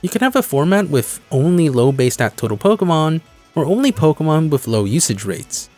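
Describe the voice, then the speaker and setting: This host of a video essay speaks briskly and with a lot of animation, his fairly high voice carrying a darkish tone. He explains his scripted commentary while punching key phrases for emphasis, with music running in the background.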